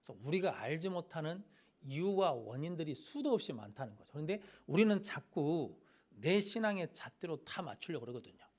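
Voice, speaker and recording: A man's voice: a little high, big pitch swings, fairly quick, darkish tone. A middle-aged male pastor preaching a Wednesday sermon, firing rhetorical questions at the congregation and acting out Bible characters in casual speech.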